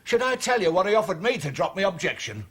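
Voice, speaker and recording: A blunt, resentful sheep farmer, voice climbing high and swinging widely as he complains. His tone is husky and rough. He comes from a British TV police drama. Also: sing-song, quick pace, full character voice. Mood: aggrieved. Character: angry older northern sheep farmer, blunt.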